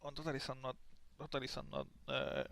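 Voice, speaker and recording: This young man's medium-pitched voice is sing-song and a bit bright, with vocal fry and a fairly quick delivery. Even so, he's tired and yawning as he rambles through casual let's play commentary, restarting a lot and letting slip the odd swear word.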